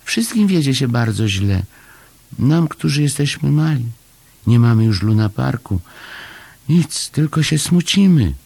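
A man's voice: mid-range voice, big pitch swings, a little slow, vocal fry, darkish tone, slightly rough, no room sound, pitched above the performer's own voice, exaggerated voice. A man voicing a small, eager young male hamster in an audiobook story, with earnest, pleading chatter. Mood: earnest, sad. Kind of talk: audiobook character voice.

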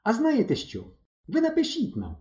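A man voicing a lively, earnest young pioneer girl who speaks high and eagerly. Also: moderate pace, exaggerated voice. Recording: roomy, slightly dull recording.

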